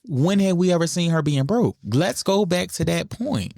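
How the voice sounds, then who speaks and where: Gravelly-voiced man ranting bluntly. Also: high voice, moderate pace, no room sound, studio quality. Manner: blunt, opinionated, animated ranting. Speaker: podcast co-host. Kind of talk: casual reality-TV gossip chat.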